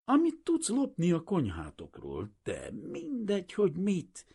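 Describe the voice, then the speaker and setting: A man's voice: high voice, huge pitch swings, creaky, mellow, breathy edge, voice pushed up, full character voice. Man doing a cheeky, broke young painter. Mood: warm.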